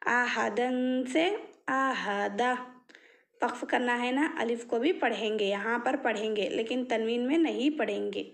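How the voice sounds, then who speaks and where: A woman teaching Quran reading rules in a slow step-by-step lesson, posing questions and answering them herself, and drawing out example words very slowly. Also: fairly high pitch.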